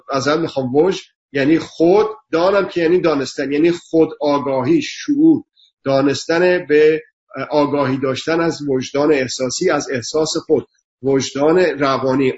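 A man speaking earnestly on a talk show, lecturing through emphatic repeated lists. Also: mid-range voice. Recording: dull lo-fi sound.

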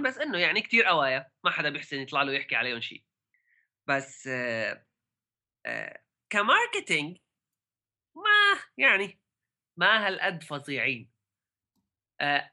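Sharp, bright-voiced Levantine Arabic man, chatting. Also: fairly high pitch. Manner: halting, mixes English tech words into Arabic. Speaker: podcast co-host. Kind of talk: casual tech discussion.

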